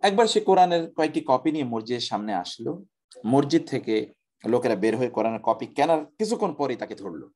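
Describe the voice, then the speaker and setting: A male professor giving a classroom lecture, explaining step by step and slowly reciting Arabic words as examples. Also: mid-range voice, lively intonation, darkish tone.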